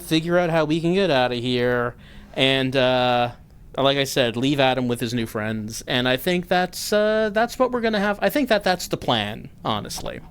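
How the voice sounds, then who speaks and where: A man's voice: a little high, fairly bright tone, slight background noise. A man giving casual, wry commentary as the host of a game playthrough. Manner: dry, wry joking. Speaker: gaming host.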